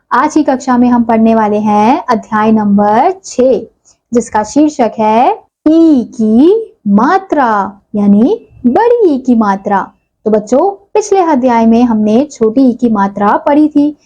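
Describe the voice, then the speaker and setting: A woman teaching a primary school language lesson, addressing the children and spelling out words slowly, sound by sound. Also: a little high, animated, warm tone, dull audio. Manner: slow, syllable-by-syllable spelling out of words.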